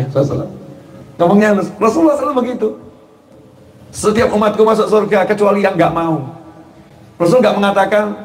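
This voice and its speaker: A man with a high voice preaches a sermon, asking rhetorical questions and chuckling as he goes. He stretches out key phrases and suddenly raises his voice for emphasis. The sound rings through an echoey hall.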